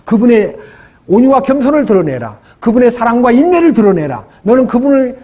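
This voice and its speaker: A man delivers a sermon in a church, questioning his listeners and dropping into acted prayers. His voice sits high for a man and carries a husky, breathy edge. He speaks as a pastor addressing his congregation. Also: big pitch swings, fairly quick, dark tone.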